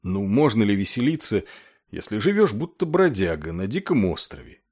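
A man's voice: on the low side, big pitch swings, moderate pace, a little mellow, husky. A man narrating an audiobook in a dramatic, emphatic manner. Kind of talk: expressive audiobook reading.

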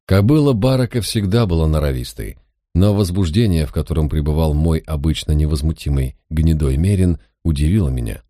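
A man narrating an audiobook in a steady, even storytelling manner. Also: a bass voice, brisk, dry recording, studio quality.

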